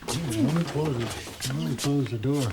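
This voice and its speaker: An actor playing a playful, flirtatious middle-aged husband, a little sheepish, in daytime soap acting, with a husky voice. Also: male voice, medium pitch, measured pace, a little mellow, slight background noise. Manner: flirtatious, teasing.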